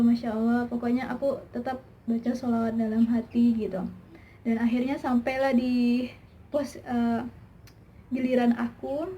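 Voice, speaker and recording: A woman's voice: fairly high pitch, dark tone. A young woman vlogger telling a personal story in a chatty, emotional way, with many fillers. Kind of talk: personal testimony vlog. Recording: slightly dull lo-fi sound with faint background hiss.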